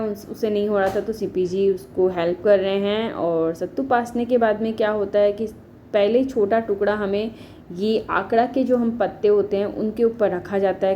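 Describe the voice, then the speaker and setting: A woman in her thirties narrating a home vlog, calmly explaining each step of a family ritual. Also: mid-range voice, lo-fi sound, slight background noise. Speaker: vlogger. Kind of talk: casual voice-over narration of a family festival vlog.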